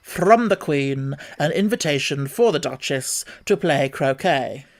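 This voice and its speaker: Man as a slow, solemn frog footman. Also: a little high, expressive. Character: dull solemn frog-faced male footman.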